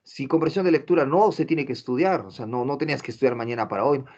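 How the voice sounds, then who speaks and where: Un profesor de mediana edad con acento peruano que da una clase en línea y hace las voces de sus alumnos con viveza. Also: male voice, mid-range voice, quick pace. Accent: Peruvian Spanish. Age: middle-aged. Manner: animated, acts out students' voices. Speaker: teacher. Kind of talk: online class lecture. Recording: dull lo-fi audio.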